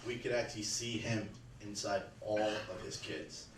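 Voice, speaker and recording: A man speaking at a memorial in earnest, halting sentences with many restarts, remembering his late father-in-law. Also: on the low side, steady tone. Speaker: eulogy speaker, son-in-law. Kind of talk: personal remembrance speech. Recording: echoey room, distant mic, faint background hum.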